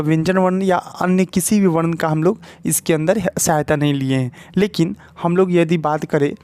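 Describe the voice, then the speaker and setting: Man teaching English in a higher voice. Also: darkish tone, dry recording. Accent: Hindi. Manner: explains step by step, often adds "ठीक है" and asks questions to the viewer. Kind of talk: spoken English lesson at a board.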